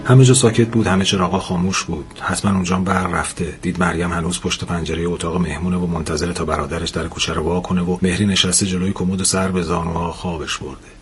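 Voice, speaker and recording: A man narrating a novel in a steady, measured audiobook reading. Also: deep voice, faint music behind.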